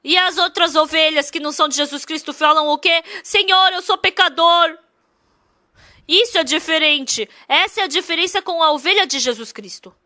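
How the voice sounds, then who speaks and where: A woman interprets a church sermon in a very high, piercing voice. Her tone is bright and forceful. She hammers each point home with repetition and rhetorical questions. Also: no room sound, studio quality.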